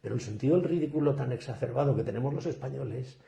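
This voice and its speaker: Man, speaking coach, lively storyteller, dark gravelly voice, video call. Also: medium pitch, quick pace, muffled recording. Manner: animated storyteller, acts out quoted students. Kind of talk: interview answers.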